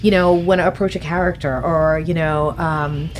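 Speaking at a moderate pace in a low register, the middle-aged woman talks things over reflectively as an author and podcast guest in a studio interview. Thoughtful and quick to laugh, she moves her hands animatedly as she goes. Slight background noise surrounds her boom-mounted studio mic.

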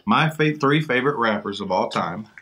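A man's voice: medium pitch, expressive, moderate pace, pushed and bright. A middle-aged man chatting casually and teasingly as the host of a video. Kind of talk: casual chat. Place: inside a fast-food restaurant, seated at a table.

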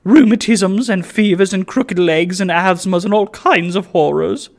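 A haughty old noblewoman, put on by a man reading a storybook aloud, speaks in a shrill voice pitched far above his own. She sounds scandalized and snobbish, her words lifted high and thin. The reading is slow and measured. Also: creaky. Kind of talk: audiobook reading.

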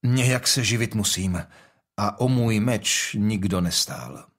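A man playing a calm young investigator. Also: lowish voice, close to an everyday voice. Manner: measured, persistent questioning.

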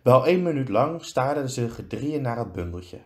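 A man, a teacher, reading a children's story aloud, slowing down for effect. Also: mid-range voice, very animated.

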